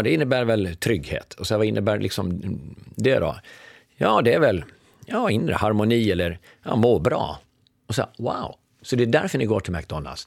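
A middle-aged man telling a long anecdote in a relaxed chat, acting out the lines of the people in it. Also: lowish voice, no room sound, studio quality. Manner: animated anecdote teller acting out dialogue. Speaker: podcast guest. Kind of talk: storytelling in casual conversation.

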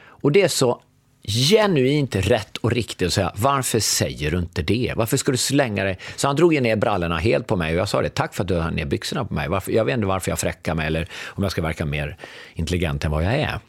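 Man, middle-aged, low voice, very lively pitch, anecdote telling, dry sound. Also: breathy edge, dry recording. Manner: animated anecdote teller acting out dialogue. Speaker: podcast guest. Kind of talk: storytelling in casual conversation.

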